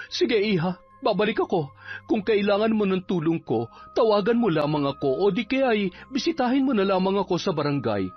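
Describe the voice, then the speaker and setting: A man's voice: high-pitched, voice pushed up. A man voicing a scheming, two-faced middle-aged woman village captain who is sugary in public and sneering in private, in a horror radio drama. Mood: sweet. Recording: slightly dull recording with music underneath.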